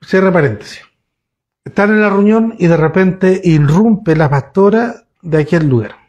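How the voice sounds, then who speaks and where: Male pastor, high voice, sermon delivered as chatty storytelling, stumbles and restarts often. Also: a little slow, a little mellow. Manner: conversational storytelling preaching with many restarts. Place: church.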